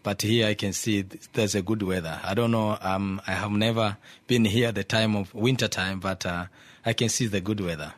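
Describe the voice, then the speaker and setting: A man from Tanzania, speaking as a radio interview guest in halting English full of fillers and restarts. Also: fairly low pitch, steady tone, dry recording. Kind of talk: hesitant conversational English.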